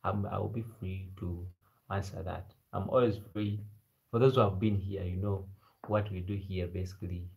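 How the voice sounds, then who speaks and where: A man in his twenties with a Kenyan-sounding East African accent, chatting casually and haltingly as a live stream host, repeating his phrases. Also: deep voice, fairly even intonation, creaky, darkish tone. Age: 20s. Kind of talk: casual live chat with viewers. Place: small bedroom indoors. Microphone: phone at arm's length.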